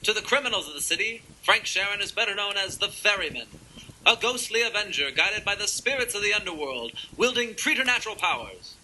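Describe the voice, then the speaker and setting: An actor playing a theatrical, declamatory announcer in the style of 1940s radio. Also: male voice, sits high, lively intonation, brisk, sharp tone, a little hiss or hum, full character voice, poor audio. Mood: dramatic. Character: dramatic old-time radio announcer.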